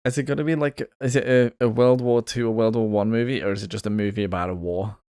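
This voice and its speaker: A man's voice: medium pitch, fairly even intonation, fast, a little mellow, clear, resonant tone, no echo, clean studio sound. A man co-hosting a casual podcast chat, guessing aloud in a playful way with lots of hesitation. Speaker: podcast co-host.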